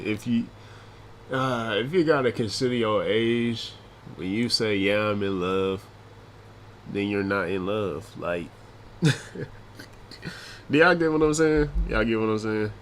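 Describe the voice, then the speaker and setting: A man's voice: on the low side, slow, pauses often, a bit bright, a little hiss or hum. A man hosting a reaction video, laid-back and talking straight to his audience. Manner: laid-back, laughs, talks to the audience, says "bro". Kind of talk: casual reaction commentary.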